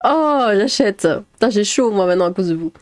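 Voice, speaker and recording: A woman's voice: mid-range voice, rapid-fire, dark tone, dry recording. A woman YouTuber reading viewer comments aloud in casual chat, laughing often and swearing in chatty asides.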